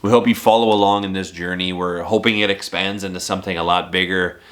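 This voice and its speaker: Deep-voiced laid-back man in his thirties. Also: steady tone, fast, fairly bright tone. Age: 30s. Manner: laid-back, swears casually. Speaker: podcast host. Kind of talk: casual chat. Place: indoors at his home.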